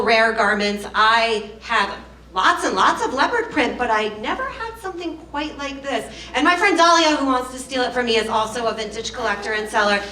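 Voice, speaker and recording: A woman's voice: fairly high pitch, bright, forceful tone. A woman hosting a live burlesque show, chatting with the crowd in playful, teasing stage banter. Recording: echoey live venue, distant microphone.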